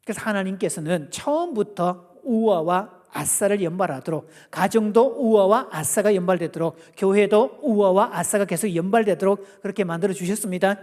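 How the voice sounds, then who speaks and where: A man's voice: high-pitched, normal speed, a little mellow. Playful man lecturing in a reverberant church. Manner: playful, asks the audience questions, acts out quotes. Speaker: guest seminar lecturer. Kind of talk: lively church seminar lecture. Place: church sanctuary. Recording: long church hall reverb.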